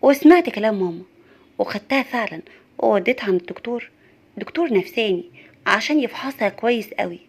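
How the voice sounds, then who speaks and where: A woman's voice: on the high side, lively intonation, quick pace, slightly rough. Woman narrating as an earnest young Egyptian husband. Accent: Egyptian Arabic. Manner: earnest, plain storytelling. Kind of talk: storytelling narration.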